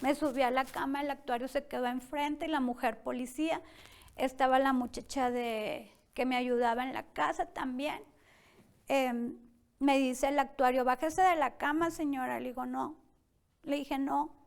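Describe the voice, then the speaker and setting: A woman's voice: sits high, fairly even intonation, measured pace, creaky. A young woman giving a tense, emotional account of her own experience as an interview guest. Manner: tense, recounting events with many quoted exchanges. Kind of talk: emotional personal testimony.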